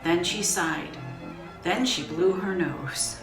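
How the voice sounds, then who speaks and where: A woman reads a children's book aloud in a gentle, expressive storytelling manner. Her voice sits at an ordinary pitch. It is heard from a distance in a roomy space, with faint music behind. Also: slow pace.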